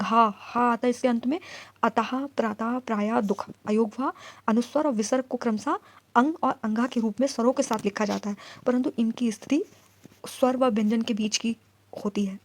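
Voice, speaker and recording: A woman with a slightly high voice runs a grammar lesson aimed at exam preparation. She puts questions to the class, gives the answers herself, and slowly recites lists of letter sounds.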